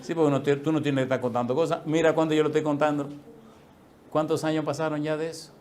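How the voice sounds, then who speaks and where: A middle-aged male pastor preaching a sermon, telling a personal story with lively acted-out dialogue and frequent laughter. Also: on the high side, fast, a little hiss or hum. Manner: animated storyteller, acts out dialogue, laughs often.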